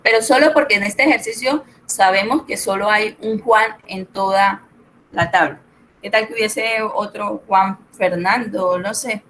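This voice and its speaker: A middle-aged woman teaches a spreadsheet class online. She explains patiently step by step and keeps checking that her students follow, at a medium pitch. A faint noise sits under the recording. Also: measured pace, a bit bright, rough recording. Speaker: Excel tutor.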